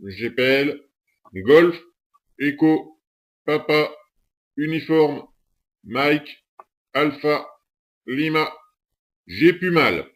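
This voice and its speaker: Man slowly spelling out a radio message. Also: on the high side, expressive. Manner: slow, deliberate spelling out. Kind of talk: radio procedure demonstration.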